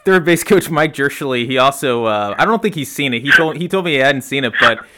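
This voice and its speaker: A man hosting a podcast, chatty and animated. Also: mid-range voice, a little fast, heavy background noise. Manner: animated, chatty, laughs easily. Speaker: podcast host. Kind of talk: casual podcast chat.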